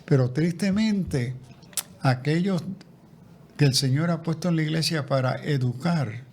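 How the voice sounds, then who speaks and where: A guest theologian, male, talks reflectively in a conversational interview, repeatedly restarting sentences and repeating words. His voice is fairly high and a little mellow, and he never hurries.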